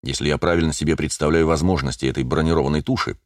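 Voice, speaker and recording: A man narrates a first-person audiobook in a measured, steady voice. His pitch is deep and low, and the recording is dry and close, with no room reverb.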